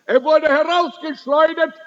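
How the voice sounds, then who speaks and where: A man preaching a sermon, slow and emphatic, addressing his listeners directly and scolding them at times. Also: fairly even intonation. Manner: slow, emphatic preaching with sudden rises and drops in pitch. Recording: dull, muffled recording in a reverberant hall.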